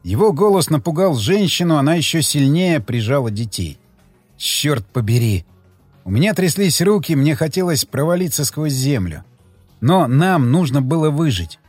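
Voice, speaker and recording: A man narrating a tense first-person story in an expressive reading voice. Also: on the high side, moderate pace, dry recording. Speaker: audiobook narrator. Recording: dry close mic with faint music.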